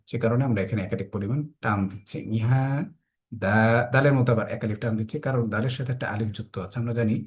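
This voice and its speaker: A man with a fairly low, slightly mellow voice teaches children tajweed. He explains the rules patiently, one step at a time, and recites verses slowly, drawing the vowels out long.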